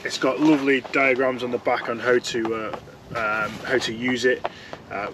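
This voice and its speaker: A man's voice: medium pitch, level tone, moderate pace, background noise. A young man chatting casually as he reviews fishing gear from inside a tent, rambling and restarting his sentences. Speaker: fishing vlogger.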